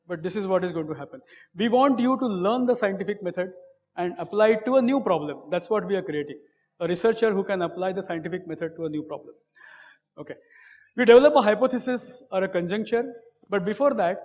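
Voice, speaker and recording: A man with an Indian English accent giving an academic lecture as a professor, measured and repetitive, with many fillers and frequent "okay". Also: high-pitched, long reverb tail.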